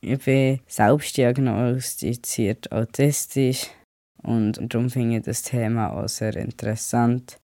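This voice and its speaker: A man's voice: mid-range voice, fairly even intonation, slow pace, mellow, dry recording, clean studio sound. A young man who has a cold, hosting a casual solo podcast and rambling on with English words mixed in. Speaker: podcast host.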